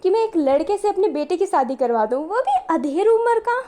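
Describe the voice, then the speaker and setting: A woman's voice: very high-pitched, sing-song, brisk, warm tone, pitched above the performer's own voice. A woman voicing an angry, strict middle-aged father in a storytelling reading, exclaiming indignantly.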